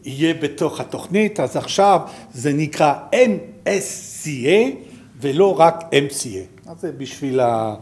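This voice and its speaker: Halting French-accented man, slightly high voice. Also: animated, darkish tone. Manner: halting, searching for words. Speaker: programme director presenting to researchers. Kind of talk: informal slide presentation.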